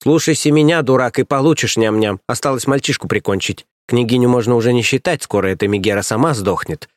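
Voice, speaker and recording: A man voicing a coarse, scheming stout nursemaid woman who scolds and sneers in a raised, shrill voice. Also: quick pace, dry recording, clean studio sound, natural voice. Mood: scolding. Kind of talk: audiobook character voice.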